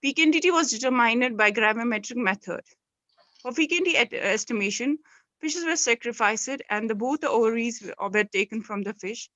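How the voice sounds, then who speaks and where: A young woman with a Kashmiri accent presents academic research in a fairly high voice. She speaks through a phone on a video call, and the sound is dull and low-fi. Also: brisk, pushed and bright, no echo. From Kashmir, India. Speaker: PhD student presenter. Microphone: phone, speaking through a face mask. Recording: muffled low-quality video-call audio.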